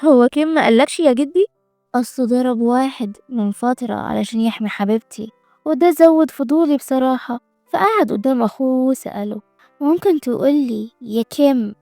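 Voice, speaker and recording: A woman's voice: sits high, a little fast, warm tone, no echo, studio quality, faint music behind. A woman with an Egyptian Arabic accent voicing a jealous, hot-tempered rich young man who mocks and taunts. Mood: mocking. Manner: mocking, cocky.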